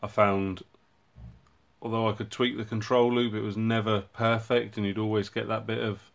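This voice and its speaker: A man with a low voice explains his own project in a casual, unhurried way. His delivery stays level and even, and he often pauses on ums and uhs while he works through the details. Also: creaky. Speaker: robotics hobbyist channel host.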